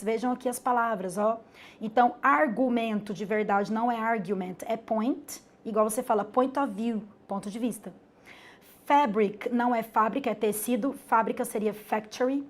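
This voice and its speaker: A woman with a Brazilian accent, an English teacher giving a live webinar lesson in a chatty way, calling herself "the teacher" and often tagging "né?" onto her points. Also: a little high. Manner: chatty, calls herself "the teacher", frequent "né?" tags.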